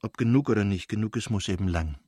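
A man voicing a gruff, brisk old male servant who speaks in a matter-of-fact way. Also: fairly low pitch, dark tone, no room sound, studio quality.

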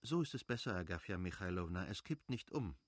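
A man's voice: deep voice, expressive, a little fast, no room sound, studio quality. A man voicing an earnest, friendly landowner husband in an audiobook, speaking plainly.

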